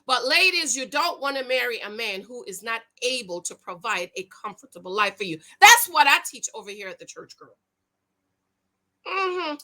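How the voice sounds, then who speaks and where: A woman with a bright, sharp, high voice reads a news story aloud and reacts to it as she goes, in casual commentary. She's a YouTube commentator on money and marriage, and she speaks loudly and excitably at a normal speed, her voice carrying as she preaches with animated, emphatic repetition.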